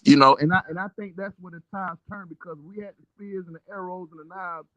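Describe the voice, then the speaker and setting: A man's voice: sits high, fast talker, pushed and bright. A man talking on a group call whose mic goes muffled and cuts out, so he sounds as if he is behind a wall. He keeps restarting and repeating words as he builds his point. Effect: muffled, dropping-out mic, as if heard through a wall. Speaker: call participant. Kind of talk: casual group discussion on an online call.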